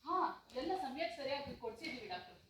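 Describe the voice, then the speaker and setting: An actress voicing a calm mother who answers in short, plain sentences with a slightly high voice. The sound is distant and very echoey, like a large hall. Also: fast. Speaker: mother of a deaf child. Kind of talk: stage play acting. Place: stage in a hall. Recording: echoey hall from far off, faint hiss.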